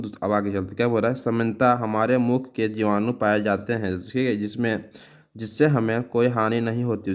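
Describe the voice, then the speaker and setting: A man explains exam answers to schoolchildren at a rapid clip, his voice sitting at an ordinary middle pitch. He tacks "okay" onto nearly every sentence and often breaks off and restarts words as he reads the questions out. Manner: fast, repetitive, calls listeners "friends" and "children"; stumbles and restarts words while reading questions. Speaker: teacher. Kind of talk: exam solution lesson.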